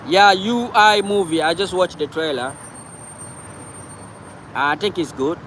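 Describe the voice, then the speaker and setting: A man's voice: sits high, lively intonation, measured pace, fairly bright tone, slight background noise. Chatty man on a livestream. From Cameroon. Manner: chatty, answers viewer comments aloud and repeats himself. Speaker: livestream host. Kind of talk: casual livestream chat answering viewers.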